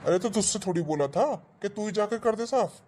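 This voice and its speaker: Skit figure: mid-pitched voice as a grumbly older father-in-law, easygoing, faint hiss. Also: brisk, a little mellow, lightly acted. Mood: grumbling. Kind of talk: family comedy skit.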